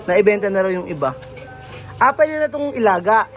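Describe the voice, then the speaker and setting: A Filipino man hosting a casual food vlog, chatty and quick to laugh, asking lots of questions. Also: high-pitched, expressive, music in the background. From Philippines. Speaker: vlogger host. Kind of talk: casual chat while eating. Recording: crowd noise behind.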